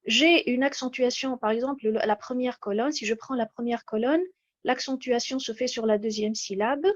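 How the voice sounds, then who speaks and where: Woman lecturer, high voice, measured and hesitant, muffled online-talk sound. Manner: measured, explanatory, with frequent hesitations. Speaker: lecturer presenting slides. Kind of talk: slide-based lecture on word stress.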